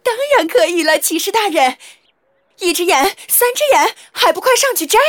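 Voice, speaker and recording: A woman voicing a mean, bossy mother of three daughters in an audio storybook, shrill and nagging. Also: expressive, normal speed, fairly bright tone. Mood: fawning.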